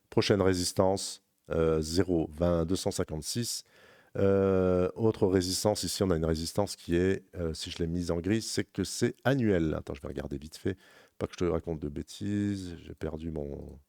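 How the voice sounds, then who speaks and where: A man talking rapidly and informally as a crypto trading analyst, walking the viewer through charts in a rambling, self-correcting way. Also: deep voice, warm tone, no room sound, clean studio sound. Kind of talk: casual chart walkthrough addressing viewer as tu.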